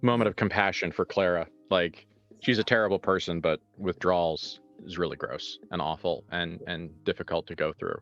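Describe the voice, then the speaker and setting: A game master improvises tabletop horror narration in a low, steady, slightly bright voice, speaking haltingly and conversationally while repeating and reworking phrases. The lo-fi recording sounds muffled, with background music playing.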